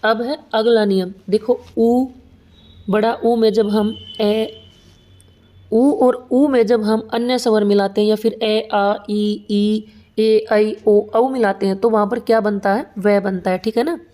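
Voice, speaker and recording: A woman's voice: mid-range voice, steady tone, takes it slowly, dark tone. A young woman teaching Hindi grammar for exam prep, explaining each example step by step and often checking that students follow. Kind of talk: exam-prep lesson at a whiteboard.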